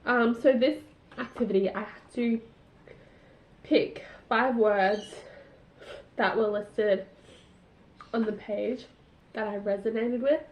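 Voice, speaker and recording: A fairly high-voiced woman chats on her own podcast, peppering her talk with "like" and small laughs. She speaks into a tablet's built-in mic, so the sound is roomy and somewhat dull. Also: steady tone, slow pace, pauses often. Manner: chatty, many "like" fillers, laughs at herself. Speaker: podcast host. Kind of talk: casual solo podcast chat.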